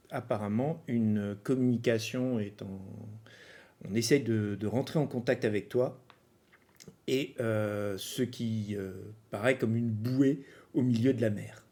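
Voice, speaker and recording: A man with a mid-pitched voice narrates a tabletop game as game master. He improvises as he goes, hesitating and searching for words. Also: warm tone.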